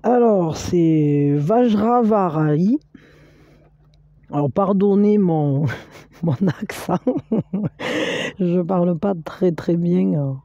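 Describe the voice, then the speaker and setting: A woman giving a spiritual tarot card reading, speaking straight to the viewer in an encouraging, halting way full of fillers and restarts. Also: lowish voice, gravelly, warm tone, dry recording, muffled recording.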